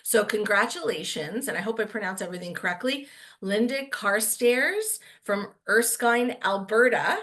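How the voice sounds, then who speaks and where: A woman's voice: mid-range voice, lively intonation, normal speed, fairly bright tone. An upbeat woman moderates a live online session. She passes along viewer questions to the guest. She also announces prize winners. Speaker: webinar moderator. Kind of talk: live webinar hosting.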